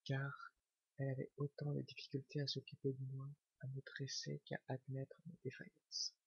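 A man giving a whispered ASMR reading of a novel, slow and hushed. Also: mid-range voice, monotone, gravelly, breathy edge, no echo. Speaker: ASMR reader. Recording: dull lo-fi recording.

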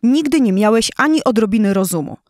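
Brief: fierce lioness mother, scolding and roaring, high and loud, read by a woman. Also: lively intonation, brisk, dry recording, studio quality, natural voice. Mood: furious.

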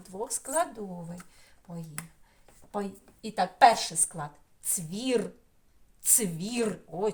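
A woman teacher from Ukraine giving a remote lesson to small children, talking slowly in a sing-song way and drawing out single sounds. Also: a little high, noisy background. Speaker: preschool teacher.

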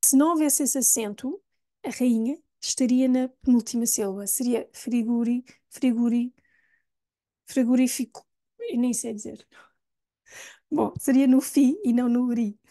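A woman with a European Portuguese accent teaching pronunciation, saying single words slowly and clearly. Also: high voice, dark tone. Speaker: language teacher. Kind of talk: pronunciation lesson.

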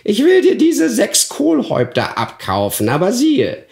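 A man puts on a shrill, croaking old fairy-tale witch, hunched and spiteful, who mutters her words in drawn-out, sing-song repetitions. Her voice sits far above a normal speaking pitch and stays hoarse throughout. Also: wildly swooping pitch, darkish tone, exaggerated voice. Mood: menacing.

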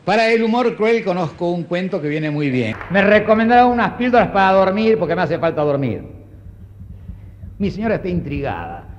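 A man performing a stand-up comedy monologue in a dry, understated deadpan manner. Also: high-pitched, brisk, muffled recording. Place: stage before a live audience. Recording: live show with audience and faint noise.

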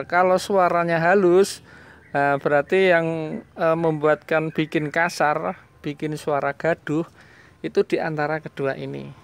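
A man, a mechanic explaining a diesel engine repair step by step in a workshop. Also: on the high side. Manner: explains step by step to viewers, switches to Javanese with the owner. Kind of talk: hands-on repair demonstration.

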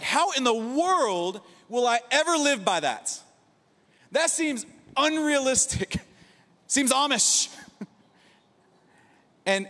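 High-voiced pastor preaching in a reverberant hall. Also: male voice. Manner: energetic, conversational preaching with asides and rhetorical "right?". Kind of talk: sermon. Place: large church auditorium stage. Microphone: handheld mic.

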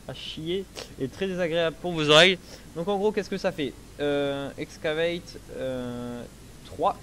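A young man in a casual let's play, explaining his game setup slowly with many hesitations, speaking into a headset. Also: fairly high pitch, slight background noise. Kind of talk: casual gameplay commentary.

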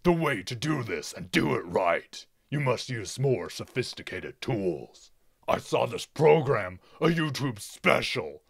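Brief: man putting on a bossy fat pig boss, deep roaring boar voice, loud and gravelly, storybook villain. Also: very animated, a little slow, heavily acted. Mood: gloating, commanding. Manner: bossy, commanding, gleeful. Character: gloating greedy fat pig lord, booming.

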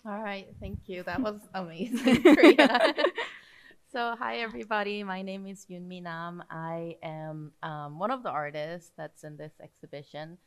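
A woman, introducing herself as an artist and professor on a panel, modest and soft-spoken with many fillers. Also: on the low side, measured pace, clear, resonant tone. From South Korea. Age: 40s. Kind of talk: panel talk. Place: theater stage before an audience.

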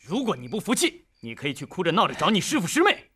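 An actor playing an arrogant young master who taunts and bullies a country youth. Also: male voice, high-pitched, background noise. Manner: mocking, taunting.

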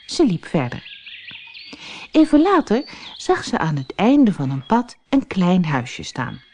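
A woman reads a fairy tale aloud for children, slowly and carefully. Her voice is fairly low but swings widely in pitch, bringing the story to life. The telling is clear and expressive. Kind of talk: scripted storybook narration.

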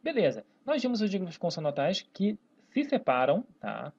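A Brazilian-accented Portuguese teacher delivers a grammar lesson on the whiteboard in a very animated, medium-pitched voice with a darkish, slightly rough tone and a normal pace. Words are stretched out one syllable at a time, with frequent "né?" and "tá, pessoal?" check-ins, all in a dull lo-fi recording.

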